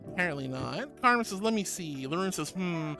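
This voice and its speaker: Pitched on the low side, her voice sounds pushed and bright, moving fairly quickly with lively intonation. As a streamer she chats casually with viewers over background music, reading their comments aloud and calling them darling, honey and sweetie in a playful, giggly way.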